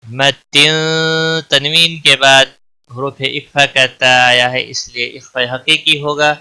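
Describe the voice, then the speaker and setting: A man teaching Quran recitation rules in a recorded lesson, explaining each letter and then reciting it slowly and drawn out. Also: medium pitch, steady tone, sharp tone, smooth.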